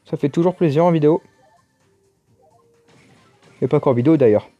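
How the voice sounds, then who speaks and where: A man's voice: on the high side, normal speed, warm tone, no room sound, muffled recording, faint music behind. A man giving casual, chatty commentary over his own gameplay, exclaiming and muttering to himself as he plays. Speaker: gaming YouTuber.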